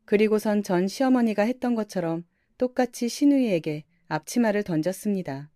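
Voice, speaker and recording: A woman narrating a first-person family story in a calm, conversational telling. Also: medium pitch, fairly quick, no room sound, clean studio sound.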